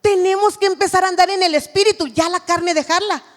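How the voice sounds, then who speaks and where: At a women's church retreat, a woman delivers an earnest sermon, acting out what a mother says to her child. Her voice is very high and brisk, and the recording has a big-room sound.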